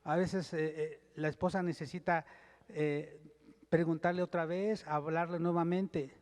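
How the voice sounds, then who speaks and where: Male pastor, fairly high voice, measured sermon delivery, numbered points, long church-hall reverb. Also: fairly even intonation, darkish tone. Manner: reads scripture aloud.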